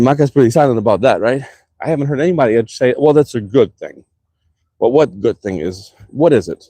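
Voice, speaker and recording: A man's voice: medium pitch, dark tone, no room sound. A man with a slight accent, ranting heatedly and profanely in a casual vlog, talking from his car. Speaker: vlogger.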